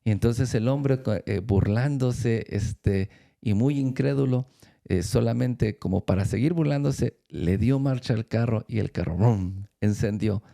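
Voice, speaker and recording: A man speaks as a church speaker in a faith-based talk, his voice gravelly with a deep, mellow darkness. He tells stories at an unhurried pace, pausing often and restarting his phrases as he gathers his thoughts. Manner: storytelling with many pauses and restarts.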